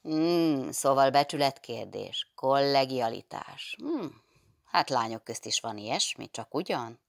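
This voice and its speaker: Egy nő felolvasásában fanyar humorú fiatal pap-tanár. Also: female voice, very deep voice, animated, vocal fry, dry recording, full character voice. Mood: wry diplomacy. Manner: dry ascetic humor, half-stern, probing. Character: stern, wry young male priest teacher.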